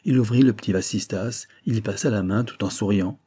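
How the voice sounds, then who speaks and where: Un homme qui joue un inspecteur de police calme, ironique et raffiné, dans un livre audio lu. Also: male voice, lowish voice, a little fast, breathy edge, no room sound, studio quality. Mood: narquois. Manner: calm, ironic, gentlemanly.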